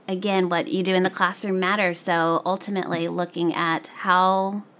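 A woman with a Southern American accent speaks at a moderate pace in a fairly bright, lowish voice that barely moves in pitch. She's a professional learning specialist appearing as a podcast guest, answering interview questions in an earnest, enthusiastic, conversational way about education.

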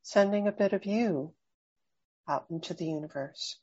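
A woman guiding a slow breathing meditation, speaking softly and soothingly with long pauses. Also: on the low side, breathy edge, highs cut off. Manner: slow, soft, soothing and unhurried. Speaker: meditation guide.

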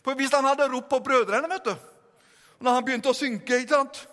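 An older male preacher giving a revival sermon, telling stories in a lively, humorous way and acting out the scenes. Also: extremely high pitch. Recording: long reverb in a hall.

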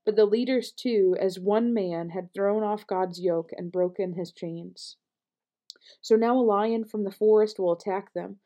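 A woman reading scripture aloud in a measured, earnest way, with the odd small slip. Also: medium pitch, mellow. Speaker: scripture reader.

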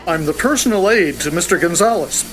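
A man's voice: high-pitched, animated, brisk, fairly bright tone, some chatter behind, low-quality recording. A man voicing a formal, precise personal aide in an audio drama, answering questions stiffly and deferentially.

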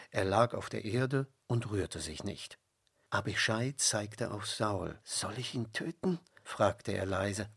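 A man reading a Bible story aloud for children, expressive, with whispered and called-out character lines. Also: on the low side, vocal fry, breathy edge, no room sound, clean studio sound.

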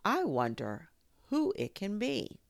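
A woman's voice: mid-range voice, huge pitch swings, takes it slowly, creaky, no echo, studio quality, pitched above the performer's own voice, full character voice. Woman as a lilting, motherly storybook kangaroo. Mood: mildly surprised. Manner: coaxing, fussing, firm. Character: brisk, motherly female kangaroo, cheerful but firm.

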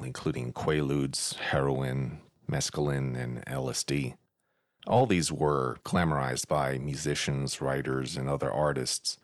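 Very deep-voiced man, dry close sound. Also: no echo. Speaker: podcast co-host. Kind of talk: casual explanatory chat.

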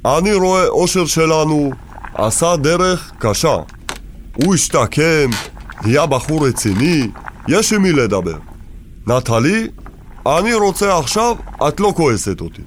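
A man's voice: fairly high pitch, sing-song, slight background noise. An actor playing a stern, protective older immigrant father who speaks broken Hebrew, in a radio drama.

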